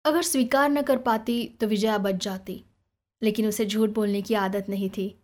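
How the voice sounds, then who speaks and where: A woman narrating a novel as an audiobook, in a steady, measured storytelling manner. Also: mid-range voice.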